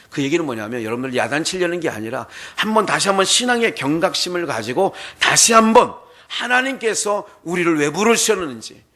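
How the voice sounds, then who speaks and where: Male pastor, sermon, animated storytelling, high voice, bright tone, asks the congregation questions. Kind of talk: sermon with told folk tale. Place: church sanctuary.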